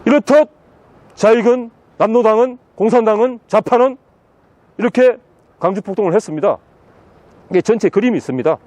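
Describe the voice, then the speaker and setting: A man with a notably high voice speaks in an outdoor city interview. He is insistent and drives each point home by repeating key words over and over. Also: brisk, long pauses, darkish tone, no room sound. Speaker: interviewee, political commentator. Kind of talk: impassioned outdoor interview monologue.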